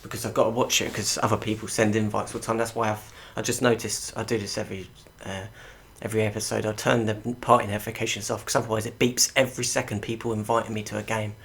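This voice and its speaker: A man's voice: lowish voice, level tone, quick pace, creaky, few pauses, a bit bright. A British man giving casual gameplay commentary as a gaming YouTuber, muttering running reactions to the play.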